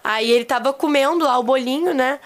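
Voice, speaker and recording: A young woman with a Brazilian Portuguese accent, chatting as a podcast guest and telling a travel story with lively acted-out quotes. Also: sits high, brisk. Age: young adult. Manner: chatty, animated storyteller who acts out quotes.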